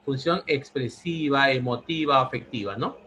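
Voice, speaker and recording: A man's voice: mid-range voice, normal speed, pushed and bright, slight background noise, low-quality recording. A man teaching a language lesson, repeating each answer several times. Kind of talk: pre-university language lesson.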